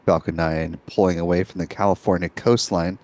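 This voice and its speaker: A man's voice: sits low, steady tone, fairly quick, darkish tone. A man hosting a live stream, giving informative, orderly explanatory commentary.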